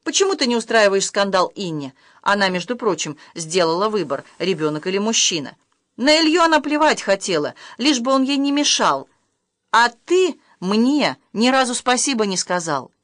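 A woman's voice: mid-range voice, animated, a little fast, hardly any pauses, fairly bright tone, no room sound, clean studio sound, natural voice. A woman reading the lines of a distressed young stepmother, reproachful and emotional, her voice rising when upset. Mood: hurt reproach.

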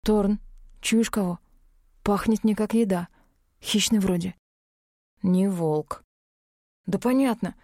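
A woman reading an audiobook, voicing a brash, foul-mouthed young male werewolf twin in a rough, quick voice. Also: medium pitch, fairly even intonation, dark tone, no room sound, clean studio sound. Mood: coaxing, urgent.

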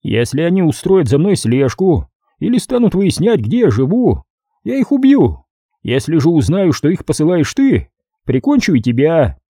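A man voicing a cold, menacing male hitman who threatens quietly over the phone in an audiobook. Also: fairly high pitch, wildly swooping pitch, normal speed, slightly rough, dry recording, clean studio sound, voice pushed up, full character voice.

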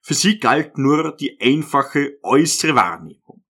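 A man narrating a literary audiobook in a measured, even manner. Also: a little high, breathy edge.

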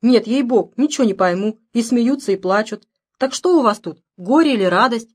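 A woman reading an audiobook, voicing a cheerful young male truck driver with a brisk, joking commanding manner. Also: a little high, animated, breathy edge. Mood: puzzled.

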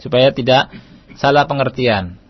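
A man from Indonesia teaches recitation rules over the radio at an unhurried, deliberate pace. He repeats his key points patiently and now and then slows into a careful chant. The broadcast sound is dry and a little muffled. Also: medium pitch, breathy edge, no echo. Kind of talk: radio lesson.

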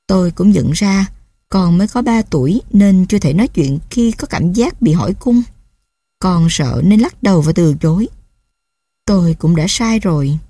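A woman's voice: medium pitch, warm tone, breathy edge, no echo. A mother reading her own story aloud in a tender, reflective way. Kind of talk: reading a personal memoir aloud.

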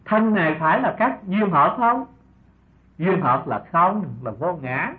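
An older man giving an unhurried Buddhist sermon as a monk teacher, often asking his listeners rhetorical questions and chuckling softly. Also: high voice, expressive. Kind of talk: dharma talk sermon. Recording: tinny lo-fi old recording.

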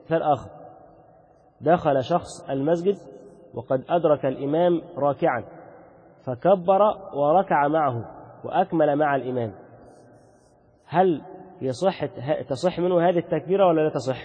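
A man with an Egyptian Arabic accent teaching religious law in a fairly high, breathy voice. He lays out each ruling, puts questions to his listeners and answers them himself. The recording is dull and lo-fi, with a long reverb trailing his words. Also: moderate pace, pauses often. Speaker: Islamic jurisprudence teacher. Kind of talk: religious lesson.

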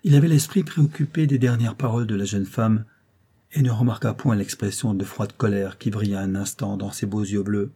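A man reading a novel aloud in a measured, steady way. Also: lowish voice, slightly rough. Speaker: audiobook reader.

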